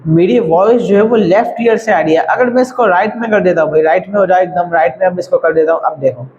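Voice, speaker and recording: A man's voice: high-pitched, quick pace, dull audio, crowd noise. Chatty man teaching video editing. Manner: chatty, repeats "thik hai" and "bhai". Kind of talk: casual screen-recorded tutorial.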